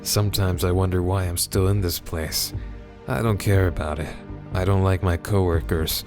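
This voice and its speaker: A man's voice: low voice, steady tone, normal speed, lightly acted. A man reading the lines of a jaded, bitter woman cop in a cyberpunk game, with a dry, sardonic delivery. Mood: weary. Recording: music playing behind.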